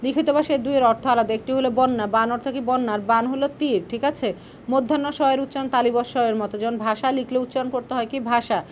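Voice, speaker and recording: A woman's voice: high voice, steady tone, racing, a little hiss or hum. A woman teaching an online grammar class, asking questions and answering them herself, patient and repeating key points.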